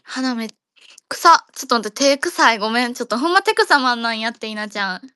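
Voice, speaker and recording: A woman's voice: fairly high pitch, lively intonation, fast talker, bright, forceful tone, clean tone, dry recording. A woman with a Kansai accent hosting a casual audio chat room, joking around and rambling playfully. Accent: Kansai Japanese.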